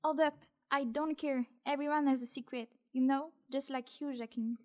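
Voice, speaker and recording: A woman's voice: sits high, steady tone, normal speed, dark tone, close to an everyday voice. A woman playing a blunt, dismissive young crewmate in a student audio drama.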